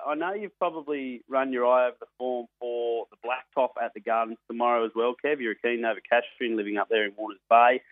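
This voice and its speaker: A man's voice: mid-range voice, dry recording, narrow, tinny audio. An Australian man presenting greyhound racing on radio in a casual, matey, blokey and colloquial way. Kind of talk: casual sports radio interview and racing tips.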